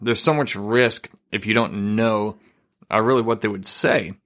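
A man's voice: lowish voice, a little slow, fairly bright tone. A male podcast host with an electronically altered voice, talking in a chatty, easygoing way. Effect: voice altered to disguise identity. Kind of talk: casual podcast chat.

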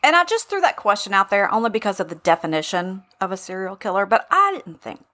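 A woman co-hosting a podcast, telling a story in casual, profane chat with lively asides. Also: medium pitch, fast talker. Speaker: podcast co-host.

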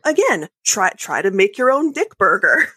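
A woman's voice: medium pitch, big pitch swings, normal speed, sharp tone, breathy edge, dry recording. A woman co-hosting a podcast in casual chat, wry and joking, piling up rhetorical questions.

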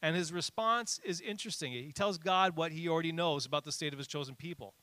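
Man, pastor, bright voice, animated sermon delivery, dry close sound. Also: a little high, fast talker, no echo. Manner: animated, rises sharply for emphasis; conversational with frequent fillers.

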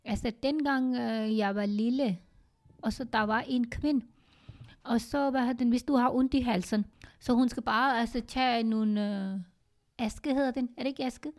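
A middle-aged woman, chatting casually with her daughter, often pausing to search for words and mixing in other languages. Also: on the high side, steady tone. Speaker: podcast co-host, mother. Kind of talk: casual family chat.

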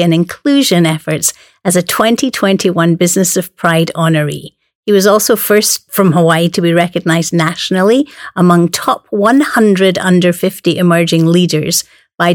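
A woman's voice: on the low side, dry recording. Woman host with a dry studio sound. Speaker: interviewer host. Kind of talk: broadcast interview.

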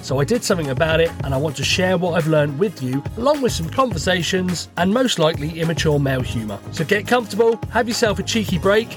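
A middle-aged man, croaky and tired from illness, rambling chattily as he hosts a podcast from his parked car. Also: fairly high pitch. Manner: rambling, chatty, acts out everyday dialogue. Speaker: podcast host. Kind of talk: casual solo podcast monologue. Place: parked car at a motorway services.

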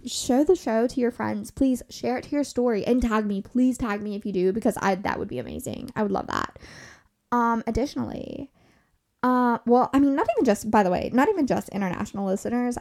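A young woman in her twenties rambles through a casual solo podcast, filling her talk with "like" and easy asides. Her voice sits a little high but sounds mellow and soft-edged rather than bright, and she is talking from her bed at home. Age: 20s. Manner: rambling, chatty, says "like" a lot. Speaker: podcast host.

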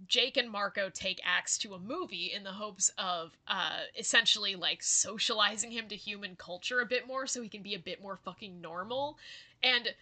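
A woman co-hosting a podcast, chatting casually about books, animated, laughing often and swearing freely. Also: medium pitch. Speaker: podcast co-host. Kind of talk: casual book-discussion chat.

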